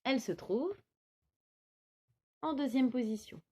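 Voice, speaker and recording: A woman teacher giving young children a phonics lesson, spelling out words slowly syllable by syllable. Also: high-pitched, animated, warm tone. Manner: slow, clearly articulated, syllable by syllable. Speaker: kindergarten teacher.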